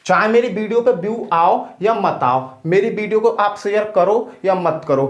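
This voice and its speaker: A man teaching exam math tricks in a loud, colloquial, playful coaching style, standing at a board. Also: sits high, moderate pace, muffled recording. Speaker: math teacher for police exams. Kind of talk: energetic coaching lesson. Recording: echoey room.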